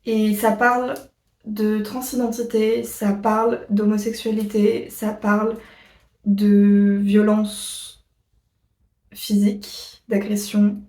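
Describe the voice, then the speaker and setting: A woman's voice: mid-range voice, little pitch movement, warm tone, distant mic. Chatty woman in an echoey room. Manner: chatty, rambling, often pausing on fillers. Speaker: vlogger. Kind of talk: casual chat to camera. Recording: echoey room, voice a bit off-mic.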